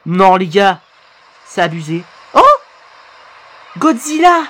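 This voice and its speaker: A young man reacting to a monster animation as a YouTuber, excitable and bursting into shouts and slang. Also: high voice, takes it slowly.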